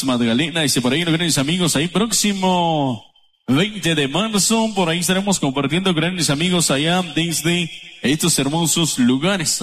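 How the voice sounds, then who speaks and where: A man's voice: fairly high pitch, a bit bright. Upbeat Guatemalan radio announcer man. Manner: brisk and repetitive, reading out greetings with stock phrases. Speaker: radio announcer reading listener greetings. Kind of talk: live radio shout-outs. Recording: long hall reverb.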